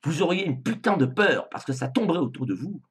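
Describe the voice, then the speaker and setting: A man's voice: on the high side, fairly quick, breathy edge. A man hosting a video, commenting on song lyrics in a casual, hesitant way with frequent filler sounds, turning indignant at times. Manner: animated, indignant asides.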